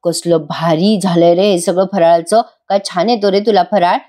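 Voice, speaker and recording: A woman's voice: fairly low pitch, fairly even intonation, moderate pace, dark tone, close to an everyday voice. A woman reading as a playful young husband. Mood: joking.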